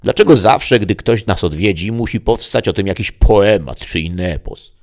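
A man's voice: fairly low pitch, a little mellow, voice pushed up, natural voice. A man voicing a chatty, mocking male devil who teases a human visitor in an audiobook story. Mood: teasing. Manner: fast teasing banter.

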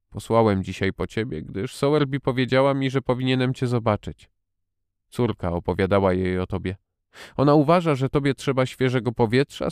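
A man voicing a weary, sickly middle-aged guardian who talks slowly and absently, read as an audiobook character. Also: medium pitch, a little mellow, smooth, no echo, clean studio sound, close to an everyday voice. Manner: tired, slow, absent-minded.

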